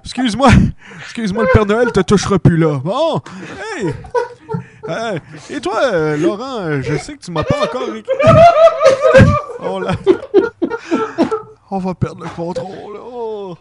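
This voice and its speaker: A man's voice: high voice, huge pitch swings, unhurried, a loud crowd, voice pushed up, exaggerated voice. A man with a Québécois accent playing a jolly old Santa Claus who teases and laughs heartily. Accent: Québécois French. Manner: hearty ho-ho laughs, playful teasing.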